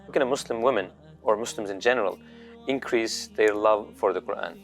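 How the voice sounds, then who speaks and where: A man's voice: lowish voice, brisk, gravelly, soft background music. A man interviewing a guest, asking polite, formal questions.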